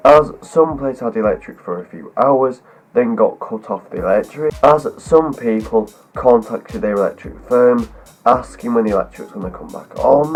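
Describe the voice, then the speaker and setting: Hosting a video with a scripted talk to camera, a man rambles through an explanation, piling one clause onto the next. He has a cold that makes his voice deeper than usual; it is mid-range and a little mellow.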